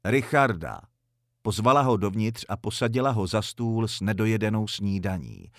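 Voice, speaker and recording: A man narrating a story in a calm, measured audiobook reading. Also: on the low side, no echo, studio quality.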